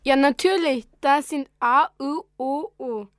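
A young girl hosts a school radio segment in a high voice. She reads slowly and carefully from a script. The studio sound is dry and close. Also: no room sound. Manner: slow, careful, read-aloud delivery. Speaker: student radio presenter.

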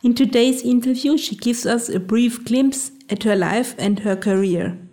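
A woman hosting a radio show, reading a scripted introduction and asking interview questions in a clear, even delivery. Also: on the high side, unhurried. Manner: clear, read-aloud delivery.

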